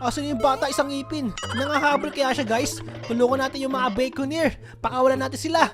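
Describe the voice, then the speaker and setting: A woman hosting her gaming channel, giving excitable let's-play commentary and giggling often. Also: sits high, fairly quick. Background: background music.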